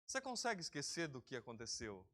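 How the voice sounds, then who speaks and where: A man preaching a sermon as pastor of an online church service, lively and talking directly to his congregation by name. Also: mid-range voice, fast. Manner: lively, talks straight to the congregation, calls people by name.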